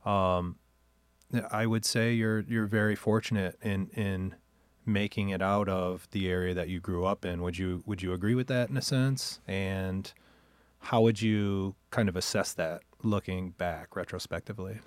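A man with a very deep voice hosts an interview podcast. He talks casually and chattily, restarting his questions as he goes. The recording is dry and close. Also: steady tone, measured pace, clean tone, no echo. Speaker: podcast host. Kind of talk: interview conversation.

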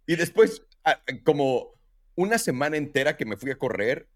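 Mexican host, animated storyteller, pitch all over the place, swears freely. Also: male voice, normal speed. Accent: Mexican Spanish. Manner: animated, acts out quotes in raised voices, heavy slang and swearing. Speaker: podcast host. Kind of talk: casual storytelling chat.

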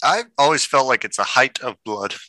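A man guesting on a casual podcast, with a very bright, sharp-edged voice and a dry, close sound. His humor is teasing and dry. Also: medium pitch, animated, moderate pace, no room sound.

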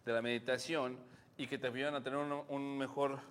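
A man's voice: mid-range voice, flat delivery, fairly quick. A man with a Mexican accent co-hosting a casual podcast, explaining at length and laughing often. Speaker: podcast co-host.

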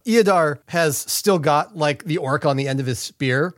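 A man's voice: a little high, unhurried, no room sound, studio quality. A man playing a tabletop game, casually describing what his character does. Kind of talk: casual improvised game chat.

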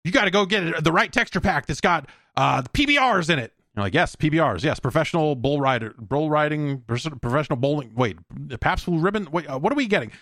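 Quick and lively with few pauses, this slightly high, a-bit-bright male voice is captured in clean studio sound without room reverb. He's a podcast host riffing solo on video games, rambling with wry asides and acted-out exchanges.

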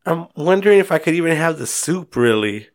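A man's voice: on the high side, lively intonation, a little fast. A man co-hosting a podcast in casual chat, joking and self-deprecating. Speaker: podcast co-host.

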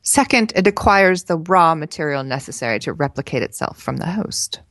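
A woman reading the lines of a scheming male scientist in a measured, lecturing manner. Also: sits low, expressive, a bit bright, no room sound. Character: scheming male scientist unveiling a deadly virus.

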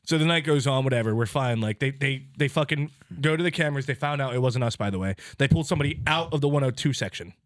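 A man's voice: medium pitch, quick pace, hardly any pauses, no room sound, studio quality. A young man hosting a podcast, telling a rambling, profane story and acting out the quotes. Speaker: podcast host. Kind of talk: casual storytelling chat.

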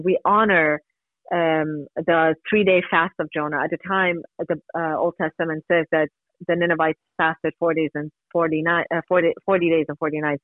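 The recording is dry, carried on a thin telephone-like radio line, and the woman's voice leans low. Interviewed as a guest, this human rights advocate from Iran talks earnestly and with emphasis, now and then raising questions she then answers herself.

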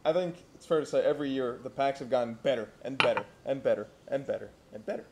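A young man from Santiago, co-hosting a casual chat and telling stories in a relaxed way, with laughs and restarts. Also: mid-range voice, fast talker, background noise. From Santiago, Dominican Republic. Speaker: co-host.

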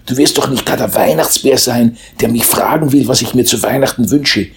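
A cheerful little blind mole, as a man reading a storybook puts him on chatters eagerly in a voice pitched well above the reader's own. The tone is high and breathy. It bubbles with friendly excitement. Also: fairly quick, slight background noise, lightly acted. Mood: delighted.

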